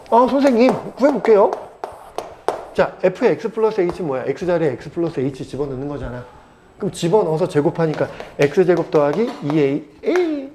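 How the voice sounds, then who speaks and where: A man's voice: a little high, warm tone, slight background noise. A male math teacher giving a casual, blunt lecture, teasing his students and constantly quizzing them.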